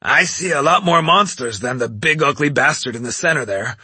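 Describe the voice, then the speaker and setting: A cocky ronin archer, as a man puts him on, smirks through crude, defiant lines. The voice is husky and bright and recorded close and dry. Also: mid-range voice, normal speed, no echo.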